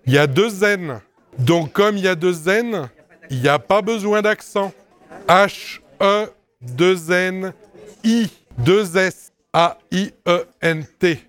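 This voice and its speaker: A man's voice: sits high, a bit bright, smooth. A man correcting a dictation, spelling words letter by letter and explaining spelling rules patiently with small asides.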